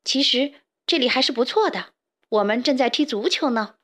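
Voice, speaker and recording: A woman's voice: sits high, expressive, normal speed, a bit bright. A woman voicing a cheerful, easygoing young male animal friend in a children's storybook.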